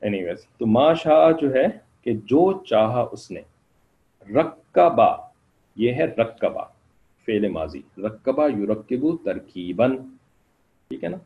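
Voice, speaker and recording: A man's voice: mid-range voice, animated. A man teaching a class, explaining step by step, often checking whether students follow and putting questions to them. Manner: explains patiently, keeps checking "okay?". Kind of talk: classroom lecture. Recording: dull lo-fi recording.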